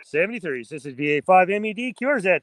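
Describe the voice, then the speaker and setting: An amateur radio operator hosts an informal vlog, chatting to viewers as "guys" and mixing remarks with phonetic callsign calls. His high voice is animated, a bit bright and fast, with slight background noise.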